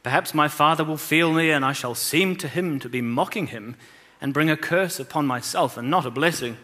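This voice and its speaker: A man's voice: a little high, moderate pace, bright, forceful tone. A man reading the part of an anxious, cautious younger son. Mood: worried.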